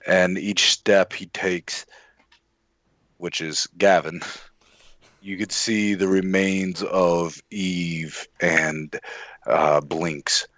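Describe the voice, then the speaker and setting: A man running a tabletop game as its game master, narrating grim scenes in an unhurried, measured way. His voice is very low and slow, and the mic sound is close and dry. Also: fairly even intonation, a bit bright, dry recording.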